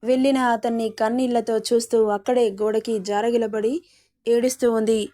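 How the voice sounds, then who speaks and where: Female storyteller, scripted drama narration, higher pitch, mellow tone. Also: level tone, moderate pace, dry recording, clean studio sound.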